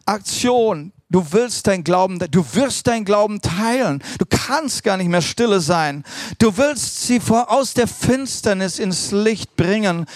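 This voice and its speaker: A man preaching a sermon to a congregation, emphatic and repetitive, dropping at times to quiet, intense tones. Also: sits high, lively intonation, measured pace, no echo, clean studio sound. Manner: emphatic, repeats key words, drops to quiet intense tones.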